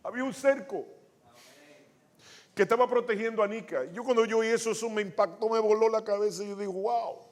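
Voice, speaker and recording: A man's voice: high voice, fairly even intonation, quick pace. A male pastor preaching a sermon, telling a testimony with many restarts and acting out the quoted lines.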